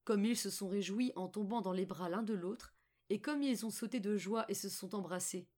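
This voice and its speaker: A woman reading a fairy tale aloud as an audiobook narrator, in a calm and measured way. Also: mid-range voice. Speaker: audiobook reader. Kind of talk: storybook narration.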